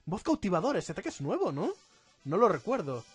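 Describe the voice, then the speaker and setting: Guy doing joking lets play commentary, high and bouncy voice, bit of music under. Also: huge pitch swings, brisk, slightly rough, dry recording. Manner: joking, laughs often. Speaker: gaming YouTuber.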